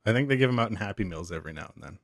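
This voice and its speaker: Man, low voice, dry close sound, easygoing, laughs a lot, casual co-host chat. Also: lively intonation, rapid-fire, gravelly, no echo. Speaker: podcast co-host.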